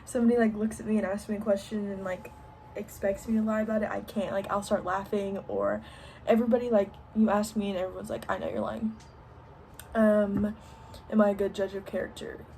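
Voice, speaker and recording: A woman's voice: mid-range voice, steady tone, fairly quick, warm tone, slight background noise. Chatty young woman with a country twang. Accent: Southern US country. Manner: chatty, many ums and likes. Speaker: vlogger. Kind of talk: casual Q&A while doing makeup. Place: home, indoors.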